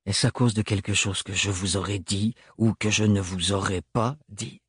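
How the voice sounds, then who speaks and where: A man's voice: lowish voice, fairly even intonation, normal speed, slightly rough, no room sound, clean studio sound, voice pushed down. A man reading an audiobook, voicing a tall, cold man who speaks stiffly and curtly. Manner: stiff, clipped, hard.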